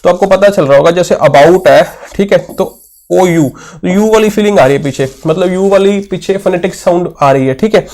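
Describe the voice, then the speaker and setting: A young man's high-pitched, slightly mellow voice carries this exam-oriented English lesson. Mixing Hindi with English terms, he reads the questions slowly and works them out aloud, patiently explaining and answering his own questions.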